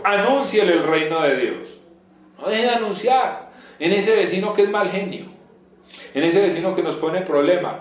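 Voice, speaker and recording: A man preaches, his voice sitting a little high and ringing through a very reverberant room. He swings between loud rhetorical questions and hushed asides. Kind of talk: sermon. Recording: very echoey room.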